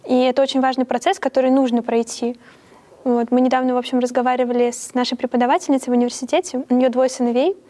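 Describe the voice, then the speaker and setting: A woman's voice: high voice, little pitch movement, fast talker, mellow. A young woman, a university student, speaking thoughtfully in a panel discussion. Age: young adult. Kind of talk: casual discussion.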